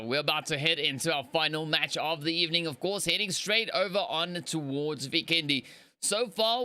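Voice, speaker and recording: A man's voice: a little high, sharp tone. A man casting a mobile battle royale tournament alone on a live stream, chatty and rambling, with lots of fillers and laughs at his own slips. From Africa. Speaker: esports caster. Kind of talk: solo live stream commentary.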